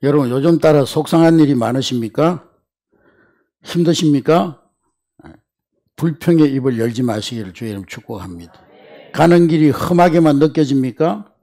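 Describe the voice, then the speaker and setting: A man preaching a sermon as pastor in a church, animated and storytelling, acting out voices in quoted asides. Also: fairly high pitch, normal speed, long pauses. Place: church sanctuary.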